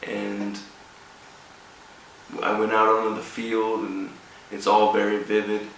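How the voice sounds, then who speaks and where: A man gives an informal motivational speech with a personal story, speaking haltingly in short broken phrases. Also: fairly low pitch, monotone, creaky, fairly bright tone. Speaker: guest speaker at a rugby club event. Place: echoey room, speaking before an audience. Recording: echoey room, distant mic, faint noise.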